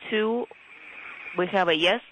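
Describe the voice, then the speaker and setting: Crew member on a static-heavy space radio link, terse callouts, mid pitch. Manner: terse, halting with fillers. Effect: crackly space-to-ground radio transmission. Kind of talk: clipped radio procedure calls.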